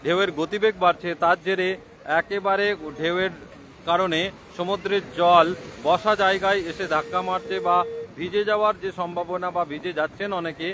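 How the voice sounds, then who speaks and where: A man giving live news commentary, repeating details and pausing as he explains, outdoors with wind on the mic. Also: sits high, fairly even intonation, a bit bright. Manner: repetitive explanatory delivery with hesitant pauses. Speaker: live reporter. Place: outdoors on a sea beach. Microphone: mobile phone. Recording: noisy outdoor live stream, roaring sea wind. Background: roaring waves and wind.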